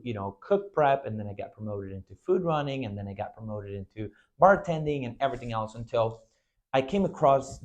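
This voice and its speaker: In a recruitment video, a Venezuelan agency owner in his twenties speaks earnestly, often filling pauses with "you know" and "right." His voice is mid-range and a little mellow.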